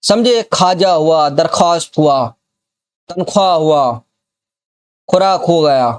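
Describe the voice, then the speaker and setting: A man's voice: fairly high pitch, slow. A man with a Bihar accent teaching a grammar lesson, who repeats example words one at a time and keeps asking if the student has understood.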